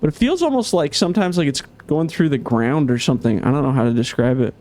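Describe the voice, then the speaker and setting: A man giving casual gameplay commentary as a game modder, chatty and thinking aloud with many fillers, slightly hoarse. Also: fairly high pitch, animated, quick pace, darkish tone.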